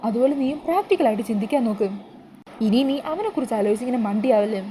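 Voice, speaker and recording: A woman's voice: fairly high pitch, lively intonation, racing, dark tone, a little hiss or hum, natural voice, low-quality recording. A woman voicing a scheming, blunt female friend who lectures and pushes. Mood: lecturing.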